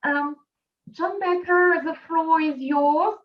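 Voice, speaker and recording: A woman's voice: very high-pitched, fairly even intonation, takes it slowly, faint music behind. A woman moderating an online conference session, apologetic and stammering. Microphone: video call. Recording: echoey, lo-fi call audio.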